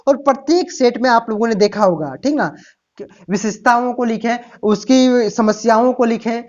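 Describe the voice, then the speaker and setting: At a moderate pace, a woman with a fairly high, slightly mellow voice teaches an exam-prep lesson, frequently answering her own questions. She explains with rhetorical questions and repeats "ठीक ना" and "प्यारे बच्चों"; the audio is dull and lo-fi.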